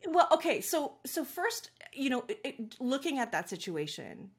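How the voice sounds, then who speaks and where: Animated woman parent coach. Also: sits high, normal speed, husky. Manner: animated storyteller, laughs easily. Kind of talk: conversational interview.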